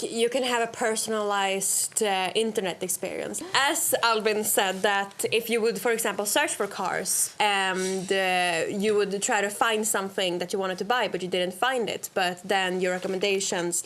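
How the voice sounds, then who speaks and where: A woman's voice: medium pitch, a bit bright, a little hiss or hum. A young woman from Sweden, a panel guest casually arguing her opinion. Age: teens or young adult.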